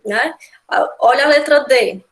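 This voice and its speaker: A Portuguese teacher with a Brazilian accent leads an exam-prep grammar lesson, her voice sitting high and her pace measured. She explains step by step, constantly tacking on "né?" and "tá?" to check in with students.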